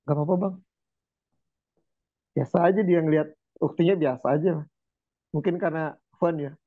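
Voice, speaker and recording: A man preaching in a relaxed, chatty way, telling stories with lively turns and chanting verses slowly. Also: on the high side, no room sound. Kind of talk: casual religious talk. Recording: tinny phone-like sound.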